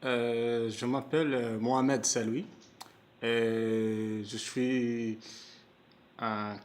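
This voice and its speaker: A man shares his view of a football match at an unhurried pace. He pauses often, fills gaps with hesitation sounds and restarts his sentences, and his voice sits at an ordinary middle pitch. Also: little pitch movement. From Canada, Montreal area. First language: Moroccan heritage; first language not stated. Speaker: amateur football commentator. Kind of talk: casual spoken match analysis.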